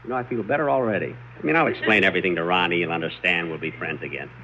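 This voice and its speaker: A man's voice: sits low, racing, a crowd in the background. An actor in a 1940s radio sitcom, playing a vain, easily flustered middle-aged male star with an exasperated, fussy way of scolding. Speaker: comedy star of a radio show, playing himself. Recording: muffled 1940s radio broadcast with loud hiss.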